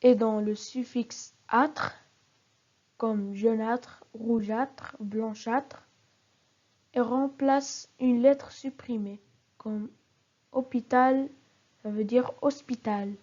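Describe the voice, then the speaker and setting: A woman's voice: a little high, steady tone, extremely slow, pauses often, darkish tone. A woman teaching a recorded spelling lesson, carefully spelling out example words syllable by syllable. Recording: dull lo-fi recording.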